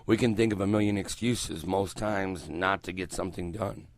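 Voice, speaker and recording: An older radio host, recovering from a cold with his voice coming back, chats casually on a morning show, hoarse and croaky, rambling loosely and swearing freely. He speaks into an ear-worn headset mic in a small studio, pitched low with fairly even intonation at a moderate pace, and there's no room sound.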